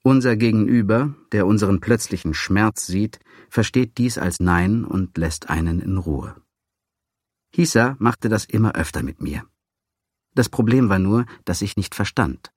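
A man reading a first-person story aloud, dry and wry in a calm, measured way. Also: lowish voice, slightly rough, no echo. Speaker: audiobook narrator. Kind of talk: scripted first-person narration.

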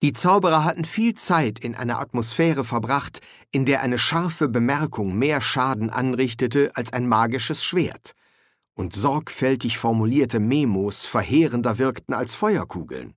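A man narrating a comic fantasy audiobook in a measured, expressive reading. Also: mid-range voice, no echo, clean studio sound. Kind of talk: scripted narration.

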